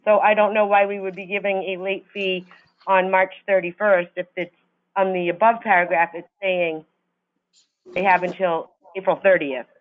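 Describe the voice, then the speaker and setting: A woman's voice: mid-range voice, level tone, moderate pace, a little hiss or hum. A woman joining a town meeting remotely from a town hall office, her audio glitching and cutting out as she stammers through points about a fee schedule. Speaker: board member at a town meeting. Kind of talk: public meeting discussion. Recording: tinny glitching phone-like call line.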